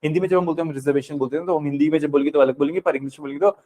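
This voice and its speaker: A man's voice: on the high side, steady tone, very fast, darkish tone. An Indian man with Hindi as his first language, teaching a spoken English class and explaining patiently, switching between Hindi and English.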